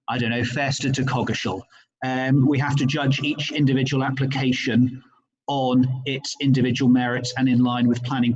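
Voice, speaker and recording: Councillor on a muffled fishbowl-sounding line. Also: male voice, medium pitch. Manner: measured, with frequent ums and restarts. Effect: muffled, hollow sound, as if inside a fishbowl. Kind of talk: formal remarks at an online planning committee. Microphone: video call.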